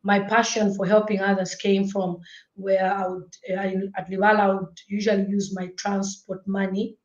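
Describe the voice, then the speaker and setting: A woman's voice: medium pitch, flat delivery, moderate pace. A young woman, answering interview questions in a chatty way with lots of ums. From Zambia. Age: young adult. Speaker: guest, blogger. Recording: echoey dull remote call audio.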